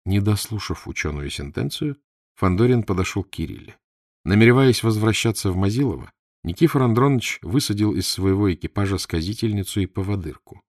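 A man reading an audiobook in measured scripted narration, close to the mic. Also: fairly low pitch, animated, darkish tone, no room sound.

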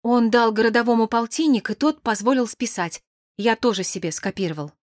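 A woman's voice: a little high, dry recording, clean studio sound, pitched above the performer's own voice, close to an everyday voice. A woman doing a weeping, frightened young man. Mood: fearful. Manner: sobbing, breathless, rushed.

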